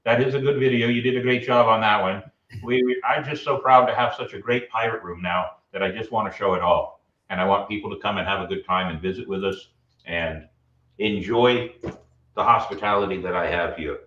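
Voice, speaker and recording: A man's voice: fairly low pitch, brisk, a bit bright. A man hosting a casual live video chat and welcoming people to visit. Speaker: host welcoming guests. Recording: distant mic, roomy echo, dull sound.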